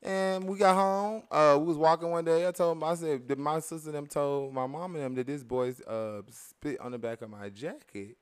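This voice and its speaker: A man in his thirties with a slightly high voice, chatting casually as a co-host. He tells stories in a laid-back way with blunt, profane asides. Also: fairly even intonation, normal speed, hardly any pauses, smooth. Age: 30s. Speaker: podcast co-host. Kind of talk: casual chat.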